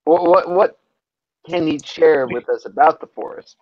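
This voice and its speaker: A man's voice: a little high, normal speed, no room sound, muffled recording. A man chatting casually as a player in a tabletop role-playing game.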